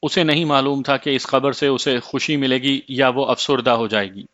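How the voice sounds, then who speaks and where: Male storyteller, steady measured reading, mid pitch, dry close sound, slightly muffled. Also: dry recording. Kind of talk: scripted story narration.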